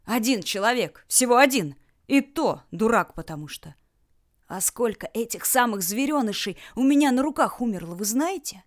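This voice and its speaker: A woman's voice: a little high, expressive, moderate pace, natural voice. A woman reading an audiobook, voicing a hot-tempered tough man who barks out blunt, coarse words. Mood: furious. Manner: barking, blunt. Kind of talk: audiobook character voice.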